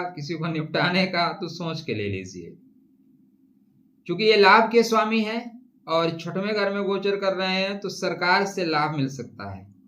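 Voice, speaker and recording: Emphatic male astrologer, echoey room. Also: high voice. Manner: recites Sanskrit verses and rhymes slowly; lively, emphatic advice with dramatic pauses. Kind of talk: monthly horoscope talk. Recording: echoey room with faint noise.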